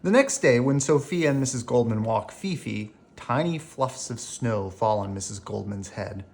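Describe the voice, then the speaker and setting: A storyteller reading a children's picture book aloud in a deliberate, animated way, as for bedtime. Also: medium pitch, gravelly.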